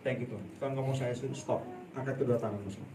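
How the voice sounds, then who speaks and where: A man preaching a sermon in a church hall, telling a story with laughter and sudden loud outbursts. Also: mid-range voice, fairly even intonation, very fast, noisy background. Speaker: evangelist preacher. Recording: echoey hall, voice from a distance.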